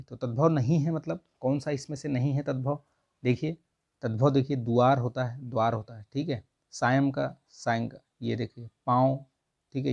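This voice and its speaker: A man's voice: mid-range voice, creaky, a little mellow. A young man tutoring Hindi for an exam, going through test answers and repeating each one for his students to remember. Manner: repetitive, drills answers with "ठीक है" and "याद रखिएगा"; asks questions then answers them himself. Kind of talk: test answer walkthrough lesson.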